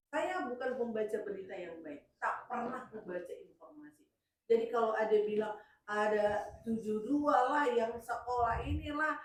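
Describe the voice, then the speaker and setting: Animated middle-aged woman in echoey room. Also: recorded from a distance. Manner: animated storytelling, jumps in pitch and loudness. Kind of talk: casual speech at a group session.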